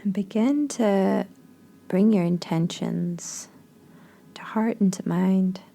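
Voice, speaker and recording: Guiding a meditation, a woman speaks in a dark, relaxed, medium-pitched voice heavy with vocal fry, soft and breathy to the point of nearly whispering. She goes very slowly, leaving gaps between short, gentle phrases.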